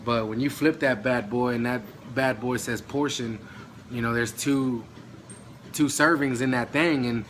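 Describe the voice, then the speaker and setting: A man's voice: medium pitch, fairly even intonation, unhurried, a bit bright, slight background noise. A man vlogging about diet in a loose, rambling way, full of fillers and mild swearing, a little out of breath. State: out of breath, dry throat. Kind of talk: casual rambling talk to camera.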